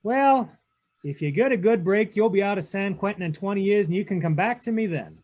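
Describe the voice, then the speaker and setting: A man's voice: high voice, lively intonation, brisk, darkish tone. A man playing a cynical, unyielding private detective in a 1940s-style radio drama, with a clipped, tough-talking delivery. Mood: bitter, resolute. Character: hard-boiled male private detective, cynical, unyielding to his lover. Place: online video-call read-through.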